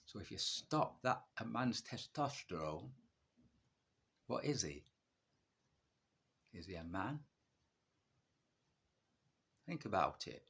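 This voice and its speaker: A man's voice: on the low side, big pitch swings, takes it slowly, creaky, long pauses, fairly bright tone, husky. A man in his early sixties talking straight to the camera in a blunt, defiant monologue, asking himself questions and answering them at once. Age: 60s. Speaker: vlogger sharing his illness.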